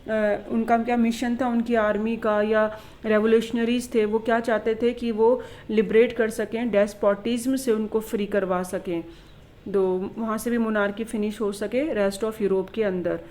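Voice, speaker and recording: A woman teacher going through exam questions with students, reading English questions slowly and explaining them in Hindi mixed with English. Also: a little high, flat delivery, darkish tone, rough recording. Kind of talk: exam revision lesson.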